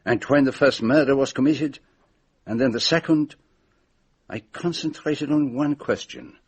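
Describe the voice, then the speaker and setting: In a radio drama, an actor voices a shrewd, courteous male detective with a Belgian French accent, speaking formally and precisely. His mid-range voice is husky and a little slow, and his tone is expository and assured.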